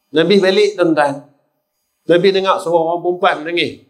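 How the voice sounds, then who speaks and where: Here an older preacher with a Kedah Malay accent tells stories during a sermon, frequently addressing the congregation directly as sirs. He speaks at a normal speed in a voice that sits high.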